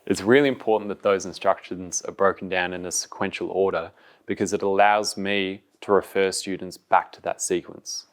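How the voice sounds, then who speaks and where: A man teacher explaining in a calm, slow way, using few words. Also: low-pitched. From Australia. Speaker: secondary school teacher. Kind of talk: classroom instruction and explanation.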